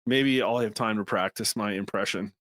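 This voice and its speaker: A man's voice: lowish voice, moderate pace, fairly bright tone, no room sound, studio quality. A man hosting a political commentary show, talking through polling results in a conversational way with wry asides.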